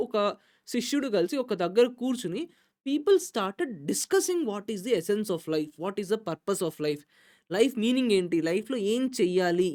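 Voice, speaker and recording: A woman tutor giving an exam-prep lecture. She switches between Telugu and English, rushing through the Telugu and slowing down for the English, and keeps stressing which points are important. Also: mid-range voice, darkish tone.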